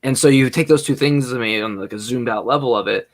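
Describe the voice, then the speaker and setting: A man co-hosting a casual podcast, reasoning out loud with hesitant restarts. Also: mid-range voice, fast. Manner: thinks aloud, hesitant, many restarts and fillers. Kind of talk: casual debate podcast chat.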